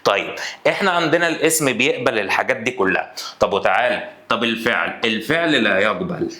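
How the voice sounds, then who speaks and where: A young man with an Egyptian Arabic accent teaches grammar at a brisk clip, his voice bright and pushing forward. He quizzes his students and throws in playful asides as he goes. The sound bounces around a roomy, echoing space. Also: fairly low pitch, animated. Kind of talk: energetic grammar lesson.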